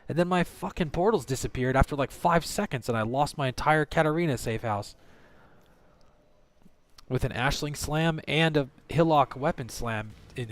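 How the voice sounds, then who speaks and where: A man streaming a game, talking to viewers in live commentary and swearing often as he rants. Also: mid-range voice.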